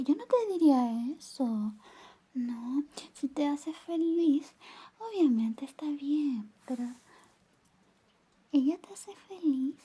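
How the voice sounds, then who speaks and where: In a Spanish ASMR roleplay of whispered personal attention, a woman plays a flirty best friend with a high, whispery voice. She mixes soft, breathy whispers with soft speech, coaxing, intimate and lingering.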